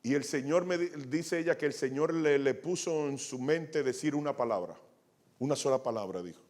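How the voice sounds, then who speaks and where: A man's voice: medium pitch, moderate pace, a little mellow. A male pastor preaching a sermon, telling a testimony with many restarts and acting out the quoted lines.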